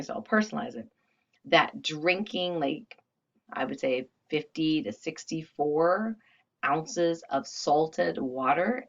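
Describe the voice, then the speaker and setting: Casting: woman with a low voice, energy healing teacher, conversational guide, slightly lo-fi audio. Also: fairly bright tone. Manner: conversational, with frequent asides and check-ins. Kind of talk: casual talk and guided healing session.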